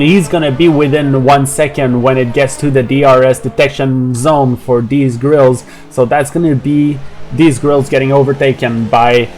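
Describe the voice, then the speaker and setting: A man's voice: mid-range voice, darkish tone. Man, motorsport commentator, mid-range voice, live race commentary, builds with the action. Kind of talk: live sim-racing commentary.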